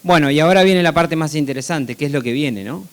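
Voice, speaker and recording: A man's voice: on the high side, fast, clean tone. A man with an Argentine accent gives a technical product presentation conversationally, often checking in with short tag questions. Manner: conversational, seeking agreement with frequent tag questions. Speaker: seed company presenter.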